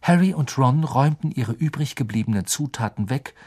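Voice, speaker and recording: A man narrating a children's novel in an expressive storytelling manner. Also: mid-range voice, fairly quick, slightly rough. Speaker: audiobook reader. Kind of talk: scripted narration.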